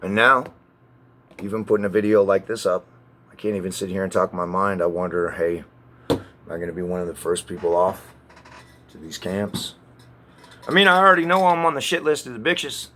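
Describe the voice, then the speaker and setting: A man ranting to camera in an agitated, profane way, often halting and restarting. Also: low voice, bright, forceful tone, a little hiss or hum. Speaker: vlogger.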